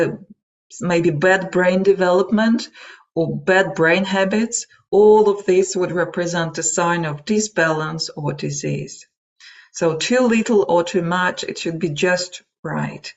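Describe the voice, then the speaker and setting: A native Russian speaker with a Russian accent gives an explanatory webinar lecture to an online audience, at medium pitch and a measured pace. The phrasing is informal and hesitant with frequent asides, and the lo-fi webinar audio sounds dull.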